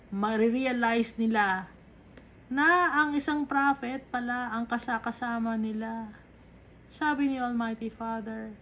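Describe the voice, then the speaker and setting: Slow, emphatic woman preaching. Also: a little high, fairly bright tone, rough recording. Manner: reads verses in English, explains in Taglish; slow, emphatic, rises sharply on key contrasts. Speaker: Bible teacher. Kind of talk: Bible study sermon.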